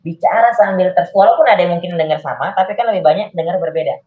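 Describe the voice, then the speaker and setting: A public speaking coach teaching an online class, talking deliberately with clear pauses over a video call. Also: medium pitch. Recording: echoey, phone-like video call audio.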